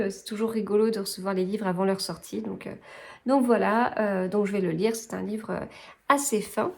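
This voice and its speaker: A woman's voice: medium pitch, a little mellow. A woman chatting casually about books as a vlogger, rambling and correcting herself as she goes. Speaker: book vlogger. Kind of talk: casual book chat.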